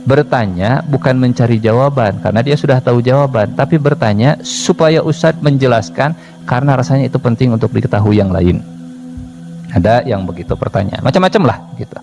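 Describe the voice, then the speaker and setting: A male preacher with a Sundanese accent giving a lively, joking sermon and speaking straight to his congregation. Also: mid-range voice, fairly quick, vocal fry. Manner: lively, joking, addresses the audience directly. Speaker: Islamic preacher. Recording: music playing underneath.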